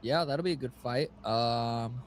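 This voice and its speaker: A man co-hosting a casual podcast, excitable and swearing freely while running through the fight card. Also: mid-range voice, a little slow, slight background noise. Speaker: podcast co-host. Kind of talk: casual fight-talk chat.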